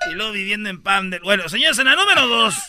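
A man's voice: sits high, lively intonation, fast, over loud music. A man with a Mexican Spanish accent hosting a radio show, telling news stories with teasing, slang-heavy banter.

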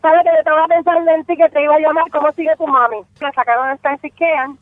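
A woman's voice: high-pitched, steady tone, quick pace, no echo. A woman on a phone call, switching between Spanish and English with fervent exclamations. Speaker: prank call target.

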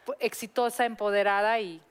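A woman's voice: medium pitch, steady tone, brisk, clean tone. A woman co-hosting a talk show, speaking earnestly in casual chat. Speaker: co-host.

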